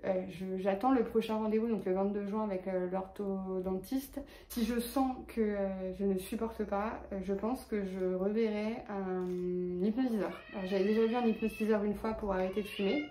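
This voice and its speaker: Lisping woman with a flat, roomy sound. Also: medium pitch, normal speed, few pauses, slight background noise. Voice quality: lisp on s sounds. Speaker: vlogger. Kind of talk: personal vlog update, casual talk.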